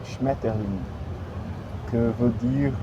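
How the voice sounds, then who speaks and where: Recorded outdoors on dull, lo-fi audio with obvious street traffic, a man talks through a casual vlog monologue. He's a language learner whose first language is Portuguese, and he goes slowly, pausing frequently to find the right word and leaning on plenty of fillers, in a middle-pitched voice.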